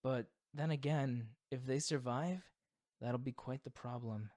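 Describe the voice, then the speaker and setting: A man voicing a proud, theatrical supervillain boyfriend who is secretly doting, in an expressive ASMR roleplay. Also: medium pitch, measured pace, close to an everyday voice. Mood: pondering.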